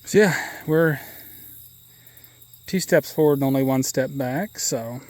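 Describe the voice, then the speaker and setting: A man's voice: mid-range voice, a little slow, a little mellow. A man giving a casual, folksy repair vlog, thinking aloud as he works. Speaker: vlogger repairing farm machinery.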